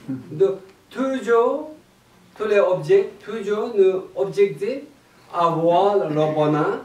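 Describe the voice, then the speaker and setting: Tibetan-accented guy talking slow and halting, lots of chuckles, roomy far-off hall sound with a bit of hiss. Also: high-pitched, darkish tone. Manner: broken French, slow, laughing often. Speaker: monk introducing a chant evening. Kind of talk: halting explanatory talk to an audience. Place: meditation centre hall, indoors. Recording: roomy distant hall mic with faint noise.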